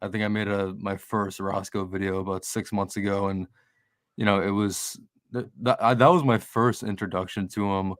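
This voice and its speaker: A man's voice: lowish voice, flat delivery, moderate pace, no echo, clean studio sound. A man in casual podcast talk, rambling and swearing, often restarting his sentences. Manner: rambling, profane, with many restarts. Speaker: guest streamer.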